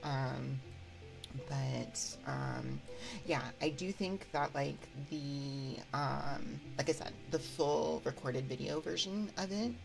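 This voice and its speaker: Rumbling low and taking her time, a woman with vocal fry rambles and giggles hesitantly to livestream viewers. The poor-quality audio comes through a binaural 3Dio ASMR microphone, with music in the background.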